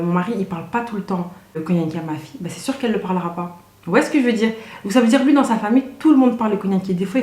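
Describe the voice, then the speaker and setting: A young woman chats to her camera in a relaxed, slangy vlog style. She keeps circling back with fillers and restarts, her pitch sitting in an ordinary middle range. The room around her rings with a noticeable echo. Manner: chatty, loose, slangy, many fillers and restarts. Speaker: vlogger. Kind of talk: casual chat to camera. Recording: roomy echoey room.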